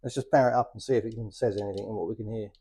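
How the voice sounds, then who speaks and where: A middle-aged male vlogger delivers a casual, talkative unboxing and review of motorcycle gear in plain words. His lowish voice is warm and steady in tone, and he talks rapid-fire.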